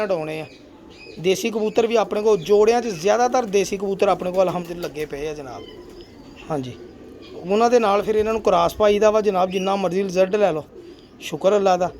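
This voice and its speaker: A channel host who keeps pigeons chats through a tour of his loft, showing off the birds and blessing them often amid their cooing. His voice sits high with a darkish tone, against slight background noise.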